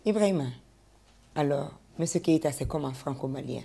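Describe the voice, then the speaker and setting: A woman's voice: sits low, moderate pace, creaky, mellow, breathy edge. A woman hosting an interview, asking questions and prompting with brief backchannels.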